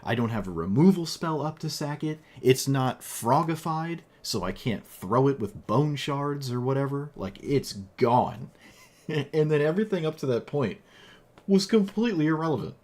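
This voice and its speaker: After a long stream, a man whose voice is giving out chats casually about a card game deck, rambling with plenty of fillers, restarts, and self-corrections. His voice is on the high side, animated, and a little mellow, at a moderate pace.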